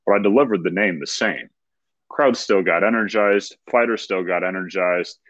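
A man's voice: deep voice, normal speed, fairly bright tone, dry recording. A man speaking as an interview guest, confidently explaining his craft in casual talk, on slightly muffled audio. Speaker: interview guest, ring announcer.

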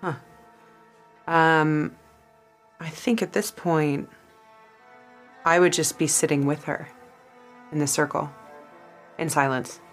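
A woman's voice: low-pitched, steady tone, slow pace, long pauses. A woman playing a tabletop game, talking through her character's actions in a thoughtful, hesitant way, with faint music underneath. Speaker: player.

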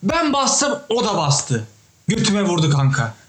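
A man's voice: sits high, wildly swooping pitch, a little slow, fairly bright tone. A young man in casual conversation, telling playful anecdotes full of slang. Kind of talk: casual chat.

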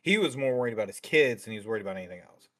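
Rapid-fire and lively in intonation, a lowish-voiced man chats casually as a streamer guest in an interview. He's blunt, outspoken and opinionated, full of swearing and filler words.

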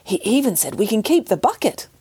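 A woman doing a gentle giant dancing bear. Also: mid-range voice, very animated, a little fast, slightly rough, dry recording, voice pushed up. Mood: earnest. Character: ten-foot gentle male dancing bear.

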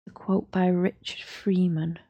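A woman, a yoga teacher leading a slow, soothing guided body-scan relaxation. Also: fairly low pitch, little pitch movement, warm tone, breathy edge, no room sound, lo-fi sound.

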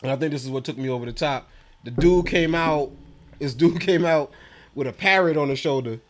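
High-voiced dude on a podcast, laughs a lot, slangy and animated, just chatting. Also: male voice, brisk. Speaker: podcast co-host. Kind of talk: casual chat.

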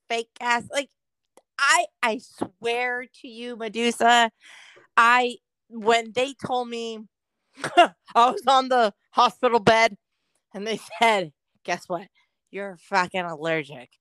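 A woman co-hosting a podcast, telling stories in casual chat with heavy swearing and animated delivery. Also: fairly high pitch, slow pace, clear, resonant tone, no room sound, rough recording. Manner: profane, animated storytelling. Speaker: podcast co-host.

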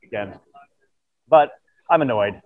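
A man's voice: medium pitch, expressive, slow, no echo. Tired man hosting, dull lo-fi sound. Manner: earnest, grateful, rambling. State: tired, voice wearing out. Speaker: podcast host. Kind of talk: casual chat. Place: at a convention.

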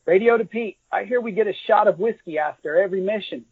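A man's voice: high-pitched, fast, husky, no room sound, pitched above the performer's own voice. A man voicing a teasing male airman ribbing his crewmate in a book reading. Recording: dry, tinny phone-like audio.

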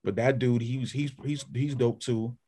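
A man's voice: medium pitch, fairly even intonation, moderate pace, warm tone. A man co-hosting a podcast in casual chat, rambling with many restarts and perking up when he lists names. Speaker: podcast co-host.

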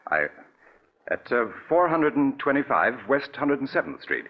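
An actor with an American accent playing an anxious, scheming murderer in a 1940s radio drama, hesitant and melodramatic. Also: male voice, medium pitch, big pitch swings, unhurried, husky, heavily acted. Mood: nervous, evasive. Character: anxious, scheming male murderer posing as grieving brother. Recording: muffled old radio recording.

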